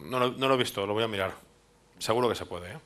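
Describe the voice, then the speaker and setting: A man's voice: fairly low pitch, fast, fairly bright tone. A man in his thirties from Spain with a Spanish accent, giving a technical meetup talk in a hall, thinking aloud with restarts and tag questions. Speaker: meetup speaker. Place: dark presentation hall with audience.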